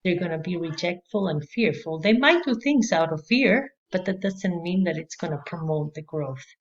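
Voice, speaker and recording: A woman's voice: fairly low pitch, animated, normal speed, lo-fi sound. A woman from Chile, giving a conversational class lecture on early childhood education, dotted with "you know" and light laughs.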